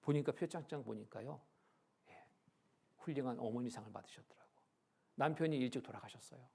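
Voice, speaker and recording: A male pastor telling a story in a church sermon, animated, acting out the dialogue and swinging from loud to hushed. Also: mid-range voice, fairly quick, gravelly, husky. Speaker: pastor, Bible lecture speaker. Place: church sanctuary.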